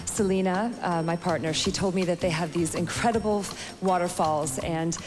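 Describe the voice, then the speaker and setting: A woman's voice: on the low side, fairly even intonation, normal speed. A young American woman giving a poised, chatty pageant answer in an on-stage interview. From United States. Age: young adult. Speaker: pageant contestant, fitness show host. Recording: music behind the voice.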